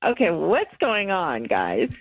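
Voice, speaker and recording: A woman's voice: fairly low pitch, wildly swooping pitch, slow pace, no room sound. A woman talking to radio hosts over a phone line, sounding awkward and uneasy as she explains herself at length. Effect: heard over a phone line. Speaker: caller on radio show. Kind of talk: candid phone conversation.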